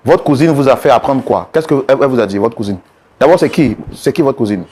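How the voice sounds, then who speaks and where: Man, mediator host, patient, calming, repeats soft commands. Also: mid-range voice, fast talker, slight background noise. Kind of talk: mediating a couple's dispute.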